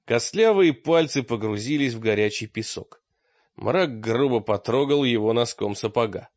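A man narrating a fantasy adventure audiobook with a steady, dramatic reading. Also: medium pitch, moderate pace, no room sound. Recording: dry, dull lo-fi audio.

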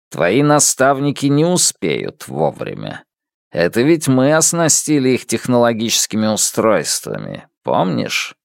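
A man's voice: lowish voice, creaky, no echo, clean studio sound, heavily acted. A man reading aloud, voicing a cold, metallic-voiced masked male elder who coaxes and menaces in a storybook. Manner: calm, coaxing and menacing.

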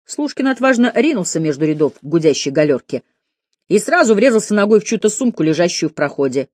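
A woman reading a story aloud as narrator, with a lively, expressive delivery. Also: fairly low pitch, slightly rough, no echo, studio quality. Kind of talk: audiobook narration.

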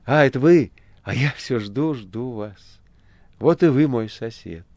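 A man reading the part of a gentle, hopeful young male patient in an audiobook, speaking softly. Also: low-pitched, fairly even intonation, brisk, no echo, close to an everyday voice. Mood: wistful.

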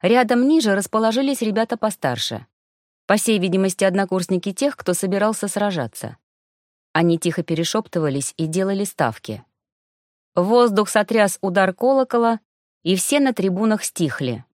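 A woman narrating a fantasy audiobook in the first person, even and wry. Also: medium pitch, normal speed, no echo. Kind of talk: scripted narration. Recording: dry close studio sound.

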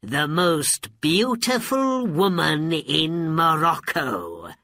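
A man's voice: a little high, big pitch swings, extremely slow, pushed and bright, no echo, studio quality, voice pushed up, full character voice. A man playing a smug, greedy magician. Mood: coaxing.

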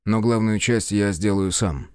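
A man's voice: lowish voice, unhurried, smooth, no room sound, studio quality, close to an everyday voice. A man voicing a blunt, sardonic male psychiatric patient who speaks brusquely and sarcastically.

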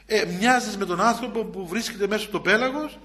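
A man's voice: high voice, pushed and bright. A man, an Orthodox priest, preaching a spiritual sermon in a plain conversational way, repeating phrases for emphasis and often hesitating and restarting. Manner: chants psalm verses in an older liturgical register.

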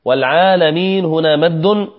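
Patient male Quran teacher, lo-fi. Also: fairly high pitch. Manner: patient, repeats each phrase slowly for students to echo. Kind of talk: recitation lesson, modeling verses slowly.

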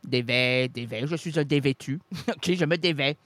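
A man hosting a web show, talking in a playful, improvised way full of wordplay and sudden swoops in pitch. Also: moderate pace, fairly bright tone, dry recording.

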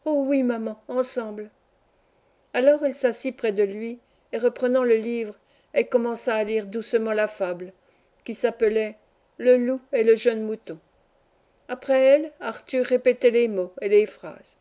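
A woman reading a classic novel aloud as an audiobook, in a calm, even storytelling manner. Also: fairly high pitch, normal speed. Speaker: audiobook reader. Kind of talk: scripted narration of a classic novel.

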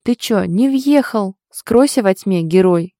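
A woman's voice: medium pitch, normal speed, dry recording, studio quality, natural voice. Woman voicing a sneering drunk ex-boyfriend. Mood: menacing. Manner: sneering, bullying, louder than the narration. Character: drunk sour menacing ex-boyfriend, man.

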